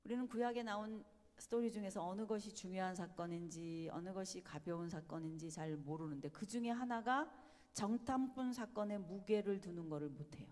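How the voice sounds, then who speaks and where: A woman giving a Bible study lecture, animated and emphatic, often putting rhetorical questions to her listeners. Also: mid-range voice, fairly quick, in a large hall.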